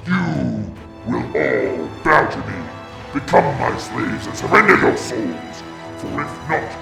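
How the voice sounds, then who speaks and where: A game master voicing a cruel ancient male dragon whose booming voice is magically amplified. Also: vocal fry, heavily acted. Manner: slow, menacing, commanding threats. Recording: echoey and distant, music behind.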